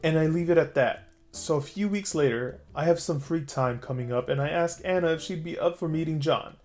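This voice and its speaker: Relaxed male story narrator. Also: fairly high pitch, brisk. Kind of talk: reading an online story aloud.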